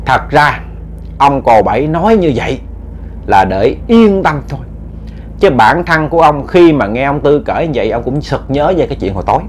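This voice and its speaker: A man's voice: mid-range voice, sing-song, normal speed, a little hiss or hum. A man with a Southern Vietnamese accent narrating a ghost story in a conversational, earnest way.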